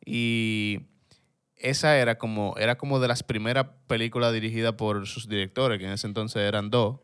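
A man's voice: fairly low pitch, fairly even intonation, normal speed, a bit bright, smooth. A man with a Dominican accent hosting a casual film podcast, talking in slangy, colloquial speech sprinkled with English words. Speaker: podcast host.

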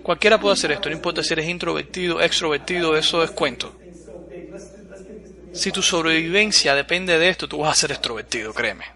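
A man giving a blunt, forceful motivational speech to a live audience, asking rhetorical questions. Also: a little high, brisk. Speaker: motivational speaker. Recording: crowd audible behind.

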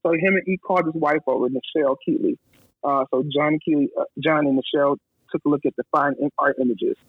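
Speaking fast in a slightly high male voice, a guest who works as a photographer relates a story conversationally and brings quoted people to life by performing their lines with animation. The line sounds dry, husky, and phone-like.

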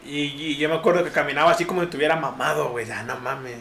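Talking fast in a fairly high, creaky voice, this young man hosts a podcast and spins a slang-heavy story. He gets animated and acts out quotes by raising his voice, over a slight hiss or hum.

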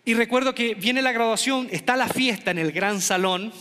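A middle-aged man from Chile telling a comic story to an audience, animated and acting out the voices of the people in it. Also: very high-pitched, moderate pace, clear, resonant tone. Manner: animated, acts out quoted voices. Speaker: stand-up comedian. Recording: long hall reverb.

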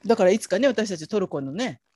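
Playful husky-voiced woman podcast host. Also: mid-range voice, lively intonation, fast talker, warm tone. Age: 40s. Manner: playful, laughs often. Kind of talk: casual chat.

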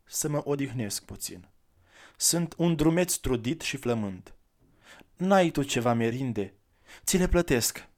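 A man voicing a gentle, weary traveler who is kind and coaxing, in a soft, slightly lifted voice. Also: medium pitch, expressive, voice pushed up, close to an everyday voice.

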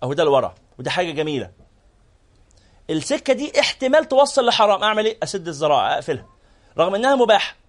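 A man's voice: high voice, sing-song, racing. A man with an Egyptian Arabic accent giving a religious lesson to a live audience, firing off rhetorical questions and prompting listeners to answer. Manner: repeats phrases in lists. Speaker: sheikh teaching hadith.

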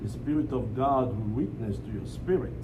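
The recording sounds phone-quality, capturing a Congolese visiting pastor preaching in English as a second language amid a noisy live church room. With a mid-range voice at a moderate pace, he repeats phrases and invites amens in call-and-response prayer, his Congolese accent clear.

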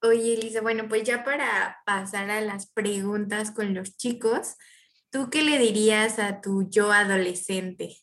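A woman's voice: medium pitch, steady tone, unhurried, a bit bright. Woman moderating a video call. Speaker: interview host and moderator.

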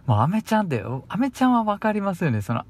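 A man's voice: high-pitched, big pitch swings, quick pace. Bashful man with a Kansai accent. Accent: Kansai Japanese. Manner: bashful, chuckling, loose rambling pace. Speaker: radio host. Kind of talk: casual solo radio talk.

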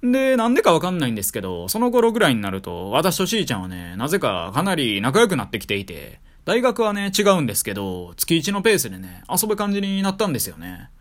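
A man's voice: fast talker, hardly any pauses. A young man in his twenties with a Kansai accent, telling a story in a wry, joking way on his stream. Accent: Kansai Japanese. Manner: wry, joking, animated delivery with big pitch swings. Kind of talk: casual storytelling monologue.

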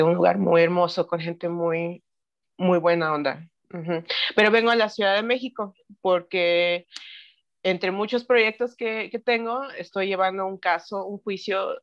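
Woman in her thirties, guest chat, low voice, slow and rambling with English mixed in, dull lo-fi sound. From Mexico City, raised in Tennessee. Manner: unhurried, many fillers and restarts, mixes in English words. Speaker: podcast guest. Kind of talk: casual chat.

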